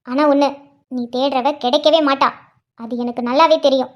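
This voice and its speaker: A woman voicing a scheming, stubborn middle-aged aunt in a cartoon story, speaking in a low, menacing, deliberate way. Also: steady tone, natural voice. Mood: vengeful, determined.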